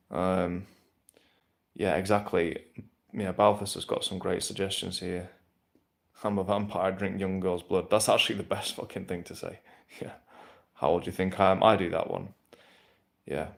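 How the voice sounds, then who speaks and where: A man in his thirties answers viewers' questions bluntly during a live stream. He speaks in a low, gravelly voice with flat, even delivery, dropping casual swear words frequently.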